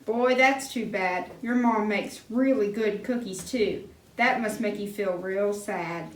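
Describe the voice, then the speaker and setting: A woman voicing a kind grown-up friend in a church puppet skit, speaking in a gentle teaching tone. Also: mid-range voice, takes it slowly, lightly acted. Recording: roomy hall, mic far off.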